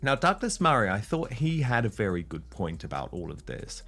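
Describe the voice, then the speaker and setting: A man presenting a panel discussion, chatty and quick with asides to his guests. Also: on the low side, very animated, a bit bright, soft background music.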